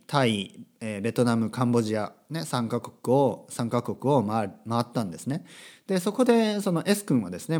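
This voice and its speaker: A man's voice: medium pitch, darkish tone. A man in his thirties hosting a casual solo podcast, chatty and rambling, often correcting himself mid-sentence. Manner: chatty, self-correcting, asks listeners rhetorical tags. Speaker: podcast host. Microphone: podcast microphone.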